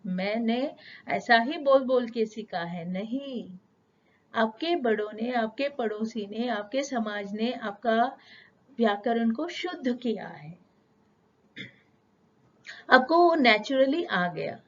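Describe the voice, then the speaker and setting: A middle-aged woman gives a spoken English lesson at a very slow pace, her voice sitting a little high. She explains patiently with everyday examples and draws out English sentences. The recording sounds dull and lo-fi. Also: lively intonation. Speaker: English teacher.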